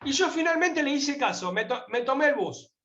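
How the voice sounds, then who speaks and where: A man's voice: very high-pitched, moderate pace, echoey room, highs cut off. A man from Argentina with an Argentine accent, a guest telling a heartfelt story in an interview and acting out the voices in it. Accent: Argentine Spanish. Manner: animated, acts out quoted voices. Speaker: guest pilgrim.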